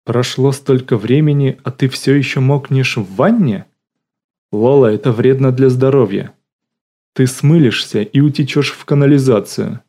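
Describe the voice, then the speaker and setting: A man voicing a sly young con man who teases dryly and talks smoothly, in an audiobook. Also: medium pitch, moderate pace, dark tone, lightly acted. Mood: dry teasing. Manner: dry, teasing, smooth-talking.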